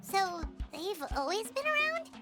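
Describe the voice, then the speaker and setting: Squeaky little floating sidekick from a game, super high and jumpy, slow and wide-eyed. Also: female voice, music in the background, heavily acted. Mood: wondering. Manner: excitable and squeaky. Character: Paimon, small floating female companion, excitable. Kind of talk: game voice acting.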